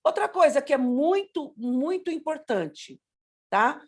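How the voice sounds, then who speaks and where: A woman's voice: high-pitched, takes it slowly. A middle-aged Brazilian woman pastor teaching parents, telling stories and acting out scolding and prayer. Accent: Brazilian Portuguese. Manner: animated storytelling, acts out scolding and prayer.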